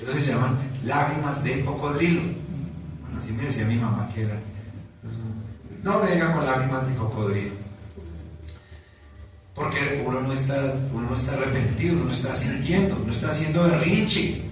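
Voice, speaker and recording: A man's voice: mid-range voice, fast talker. A man with a Colombian accent preaching an expository sermon as pastor, emphatic, often checking in with the congregation. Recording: very echoey room, mic far off, faint noise.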